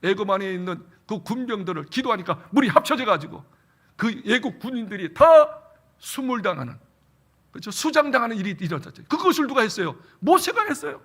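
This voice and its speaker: High bright-voiced preacher. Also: male voice, fairly quick. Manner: animated, asks the congregation questions and answers them; calls for amens. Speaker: senior pastor. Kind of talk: sermon. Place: church sanctuary.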